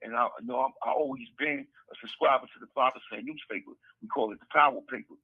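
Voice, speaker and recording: A middle-aged man speaks over a prison phone call, his husky voice squeezed thin by the tinny handset line. He rambles and repeats himself in relaxed street slang as he tells his story. The sound is dry and close. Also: medium pitch, quick pace, dry recording. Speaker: interview guest, author. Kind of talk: casual storytelling interview. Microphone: prison telephone handset.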